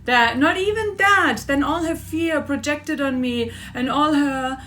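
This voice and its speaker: With a high, fairly bright voice and a measured pace, a woman in her forties vents in a personal vlog. She is agitated and emotional, hammering her points home by repeating them.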